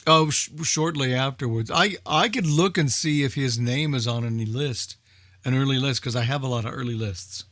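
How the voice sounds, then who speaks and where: Speaking at a moderate pace, this older man has a medium-pitched, slightly bright voice. A well-informed old-time radio enthusiast on a group call, he joins a relaxed discussion hesitantly, working through his thoughts aloud.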